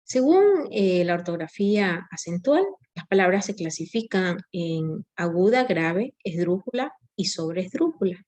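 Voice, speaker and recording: A woman's voice: lowish voice, sing-song, measured pace, few pauses, darkish tone. A woman giving a recorded grammar lecture, explaining step by step with frequent tag questions and small self-corrections. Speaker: teacher.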